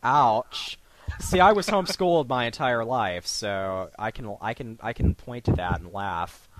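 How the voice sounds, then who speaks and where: A man's voice: mid-range voice, unhurried, no echo. A man hosting a casual podcast chat, rambling and restarting his sentences, often breaking into laughter. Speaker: podcast host.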